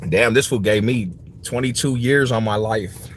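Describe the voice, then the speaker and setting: On his livestream, a forties-aged host with a lowish voice speaks at a moderate pace. He replies to viewers casually and slangily, tending to repeat himself, over noticeable background noise.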